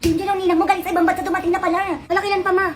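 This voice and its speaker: High, rapid-fire bossy woman. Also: level tone. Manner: bossy, scolding mother talk. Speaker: comedy skit performer. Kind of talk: comedic skit acting. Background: background music.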